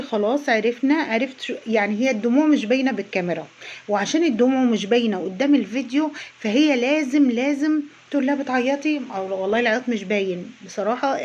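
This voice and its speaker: Egyptian woman ranting fast in a reaction vlog, kinda high voice, mocking and chatty, dull lo-fi sound. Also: a little mellow, a little hiss or hum. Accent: Egyptian Arabic. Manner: mocking, chatty, addresses viewers directly. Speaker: YouTube reaction vlogger. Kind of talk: casual sarcastic reaction commentary.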